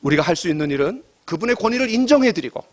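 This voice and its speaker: Male pastor, middle-aged, high lively voice, animated sermon delivery with rhetorical questions. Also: racing. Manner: animated preaching with rhetorical questions and quoted asides.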